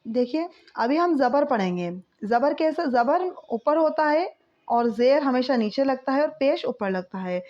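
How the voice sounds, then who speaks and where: A woman with a high voice teaches an online language lesson at an unhurried pace. She drills letter sounds one at a time, patiently and clearly for beginners. The recording is a little dull and lo-fi. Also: animated, darkish tone. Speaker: Urdu teacher.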